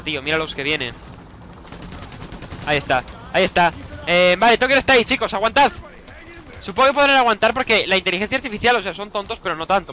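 A young man with a Spanish accent from Spain, giving let's play commentary, excitable and shouting orders at his teammates while swearing constantly. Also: sits high. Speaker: gaming YouTuber.

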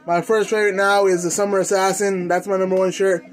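A young man with an American accent talks to the camera in a casual unboxing style. His delivery is informal and slangy, moving along in halting phrases. He sounds like he is indoors, a short distance from the camera. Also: sits high, level tone. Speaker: host of a clothing collecting channel. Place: indoors in a room at home.

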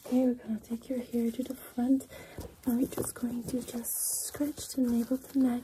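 Fast-soft-spoken young woman, ASMR role-play. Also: on the high side, level tone, background noise. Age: young adult. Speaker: ASMR performer playing a scalp examiner. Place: small home studio with foam panels.

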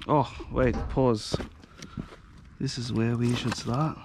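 Slow-talking man muttering over loud background noise. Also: mid-range voice, fairly even intonation. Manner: short fragmented remarks, often talking to himself. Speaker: vlogger collecting curbside throwaways. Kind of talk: casual muttered commentary while rummaging. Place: outdoors on a street curb. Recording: clear background noise, clicking and clatter.

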